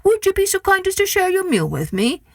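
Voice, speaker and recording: A woman voicing a mild, polite male turtle in a trickster tale, speaking courteously and with measured manners. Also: very high voice, huge pitch swings, no echo, clean studio sound, voice pushed up, full character voice. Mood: politely hopeful.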